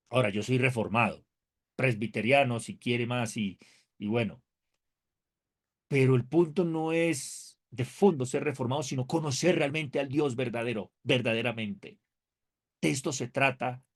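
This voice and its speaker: A man and pastor lecturing a seminary theology class, animated and conversational, asking his students questions, joking, and reading scripture aloud with emphatic rises. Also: a little high.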